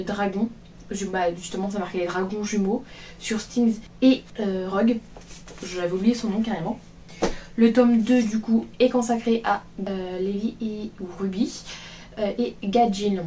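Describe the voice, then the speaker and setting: A woman's voice: mid-range voice, warm tone, far from the mic, slight background noise. A woman chatting casually in a vlog, rambling with many fillers and restarts. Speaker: manga vlogger. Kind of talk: casual book haul chat. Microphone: phone.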